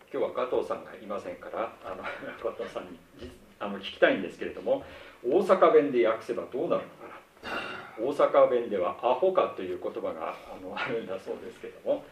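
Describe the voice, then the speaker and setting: Man, middle-aged pastor, sermon, conversational and measured, lively pitch, roomy room, distant mic. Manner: conversational, measured, acts out quoted lines.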